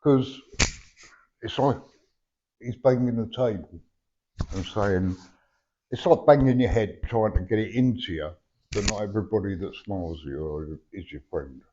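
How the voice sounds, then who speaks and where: At a live event, a man working as a medium gives a sitter a blunt, chatty reading, often checking in with "yeah?" and slurring slightly because he has no teeth. His voice is lowish and warm, at normal speed with long pauses. The live recording is dull and lo-fi, with a little hiss or hum.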